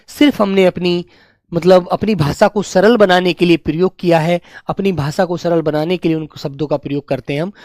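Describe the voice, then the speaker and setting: A man's voice: high voice, no echo. Chatty Hindi teacher man, dry sound. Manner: chatty, calls students "beta" and "dear children", keeps asking "right?". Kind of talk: exam revision lesson.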